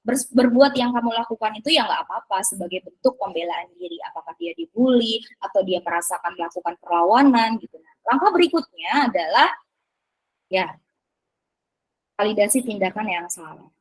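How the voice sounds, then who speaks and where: A woman's voice: medium pitch, expressive, a little fast, slightly rough, poor audio. A woman teacher presenting to fellow teachers, talking with many fillers and tag questions.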